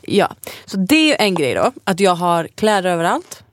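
A woman's voice: fairly low pitch, sing-song, dry recording. A young woman co-hosting a podcast in casual chat. She laughs often and trails off into fillers. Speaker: podcast co-host.

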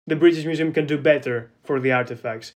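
A young Greek man in his twenties speaks English with a Greek accent in an earnest, conversational interview, using "you know" often. His voice is fairly high, and he talks fast.

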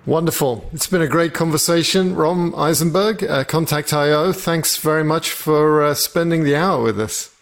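Relaxed male podcast host. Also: fairly high pitch, normal speed, creaky, few pauses. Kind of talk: casual interview talk.

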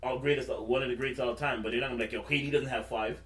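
A man's voice: mid-range voice, steady tone, fast talker, a bit bright, reverberant. Male podcast host, frat-bro teaser, loose sports talk, distant mic with faint noise. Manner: frat-bro style teasing, slangy and profane. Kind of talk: casual sports banter.

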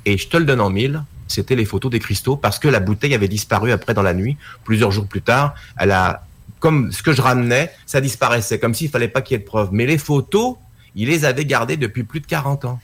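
A man's voice: medium pitch, fast, breathy edge. A middle-aged man, a guest documentary maker, telling a story casually and acting out the voices of the people in it. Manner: animated storytelling, acts out quoted dialogue.

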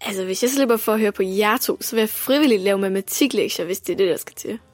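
A man's voice: high-pitched, dry recording, faint music behind, pitched above the performer's own voice. A man voicing a sassy, impatient young girl who asks exasperated questions in a storybook.

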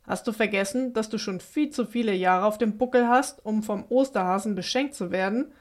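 A woman's voice: mid-range voice, brisk, lightly acted. A woman voicing a dry, mocking house cat. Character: lazy, sarcastic male house cat.

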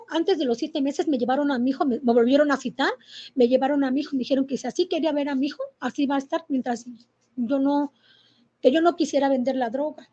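A middle-aged woman speaks with a Mexican accent in a high, mellow voice. She tells her story haltingly and with feeling, full of fillers and restarts. The recording is muffled and lo-fi. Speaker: interviewee. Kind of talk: personal testimony.

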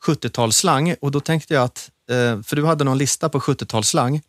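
A middle-aged man talks casually as a co-host. His voice sits at a medium pitch in a dry, close recording. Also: fairly bright tone, dry recording. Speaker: podcast co-host. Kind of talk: casual chat.

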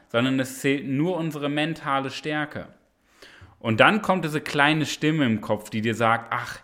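A young man hosting a podcast, speaking emphatically and directly to the listener in a motivational monologue, sometimes dropping into a low soft voice. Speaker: podcast host.

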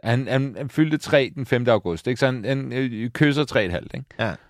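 A man's voice: mid-range voice, animated, dry recording, clean studio sound. A man in his thirties talking casually on a podcast, rambling with many restarts and telling stories about his young son. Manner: rambling, self-correcting, fond of his son. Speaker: podcast co-host. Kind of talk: casual chat.

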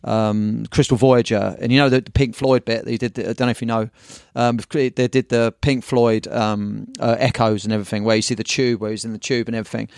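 Fast-talking English surf-shop owner. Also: male voice, medium pitch, vocal fry, no room sound, studio quality. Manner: rambling, animated storytelling with slang and swearing. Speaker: guest, surf magazine owner. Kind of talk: casual podcast chat.

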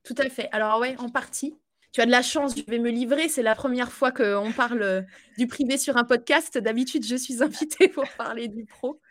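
A woman speaking as a podcast guest in a loose, conversational way. She hesitates often, fills pauses and restarts her sentences. She laughs easily as she talks about her life. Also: a little high. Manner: chatty, halting, with many fillers and restarts. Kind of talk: casual conversational interview.

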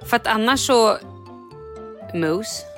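A woman hosting a podcast tells a story in casual chat, animated and acting out her own lines. Her voice is on the high side, and music plays in the background.

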